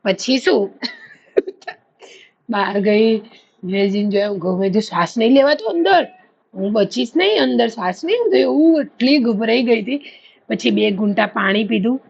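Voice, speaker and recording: A woman's voice: on the high side, moderate pace, vocal fry, slightly rough, lo-fi sound. A woman, chatting casually to camera in a storytelling way. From India. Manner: chatty storytelling, animated when retelling. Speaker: vlogger.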